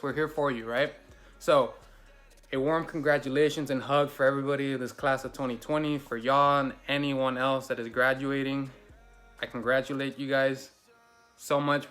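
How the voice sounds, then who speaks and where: A man's voice: mid-range voice, fairly bright tone. Young man's casual pep talk. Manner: casual, upbeat and encouraging, with slang fillers. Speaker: school alumnus. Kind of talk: recorded graduation message.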